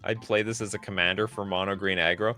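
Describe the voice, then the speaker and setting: A man streaming live, reacting loudly and sarcastically while rating cards and answering chat. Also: on the low side, fairly even intonation, quick pace, faint music behind.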